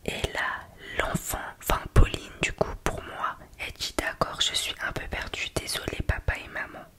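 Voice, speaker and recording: A woman telling a story in a soft, breathy library whisper, ASMR style, in an informal and hesitant conversational manner. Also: moderate pace. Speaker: ASMR video creator.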